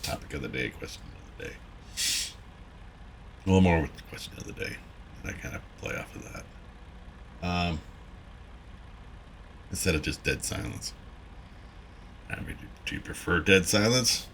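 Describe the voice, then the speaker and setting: Middle-aged man from Wisconsin, gravelly low voice, casual rambling game commentary. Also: lively intonation, moderate pace, long pauses, slight background noise. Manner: rambling, chatty, folksy. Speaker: gaming YouTuber. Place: home gaming room with driving rig. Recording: loud truck game audio underneath.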